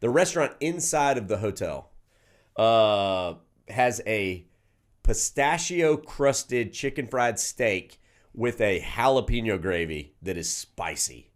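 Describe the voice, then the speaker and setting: A man's voice: on the low side, slow pace. A man, co-hosting a casual podcast chat and laughing often. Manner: animated, laughs often, drawls. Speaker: podcast co-host.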